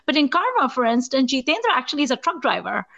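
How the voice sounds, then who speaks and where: A woman's voice: high-pitched, quick pace, creaky, highs cut off. A woman co-hosting a podcast, animatedly retelling a film plot in casual chat, full of "like" and fillers. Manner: animated storytelling, frequent "like". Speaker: podcast co-host.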